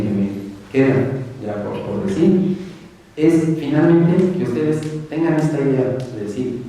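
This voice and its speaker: A man's voice: mid-range voice, warm tone. Mexican man lecturing in a very echoey hall. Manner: colloquial, discursive, acts out quoted remarks. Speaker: university lecturer and researcher. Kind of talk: informal lecture to students. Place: large echoey room, recorded from afar. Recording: echoey hall, distant mic, background noise.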